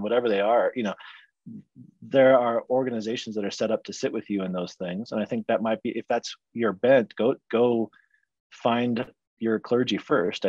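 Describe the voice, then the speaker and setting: A man's voice: lowish voice, darkish tone, dry recording, lo-fi sound. A man who works as a counselor, talking frankly and reflectively in a casual podcast chat.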